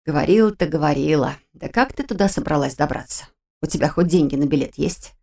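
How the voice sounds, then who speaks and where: A woman voicing a fussy elderly female cook who scolds with care, in a lower, hushed, hoarse and folksy voice. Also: lively intonation, a little fast, exaggerated voice. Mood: worried scolding.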